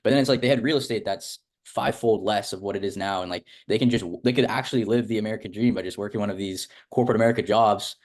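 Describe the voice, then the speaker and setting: Interviewing a business academy student, a young adult host talks in a loose, rambling style packed with fillers. His voice sits on the low side, quick-paced with few pauses.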